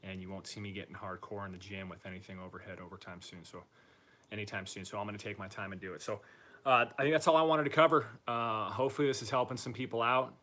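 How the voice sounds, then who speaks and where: A man talking informally and upbeat in a casual video diary, using relaxed slang as he gives a personal recovery update. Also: fairly low pitch, fast. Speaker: patient giving a recovery update.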